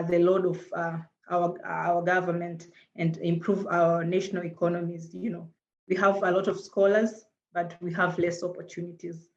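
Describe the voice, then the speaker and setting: Over a dull, lo-fi call line, a Tanzanian woman whose first language is Swahili answers as a panelist in a panel discussion, speaking with a Tanzanian accent. Her voice is low and quite flat in pitch. She is earnest but hesitant, restarting often and using frequent repeated words and fillers.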